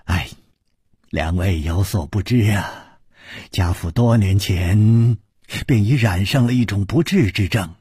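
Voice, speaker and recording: A man voicing a gentle, courteous young male nobleman in radio storytelling, polite, sighing and effusive. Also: fairly low pitch, breathy edge, no room sound, clean studio sound, voice pushed down, full character voice.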